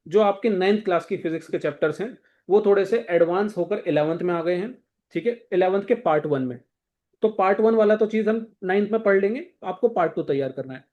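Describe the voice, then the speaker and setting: His voice sits high and is a little mellow: a young man leading an exam-prep lesson through a textbook. He gives casual directions and keeps checking in with listeners by repeating "thik hai."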